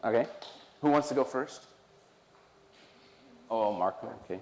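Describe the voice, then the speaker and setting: A man's voice: mid-range voice, animated, measured pace, darkish tone, slight background noise. A man giving a conversational sermon, joking with the congregation as he introduces guests. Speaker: pastor.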